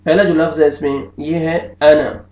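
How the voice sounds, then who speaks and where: A man with an Urdu accent teaching Quran reading in an online lesson, explaining patiently and repeating each word slowly. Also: a little high, flat delivery, a little mellow. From Pakistan. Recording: echoey, dull lo-fi room.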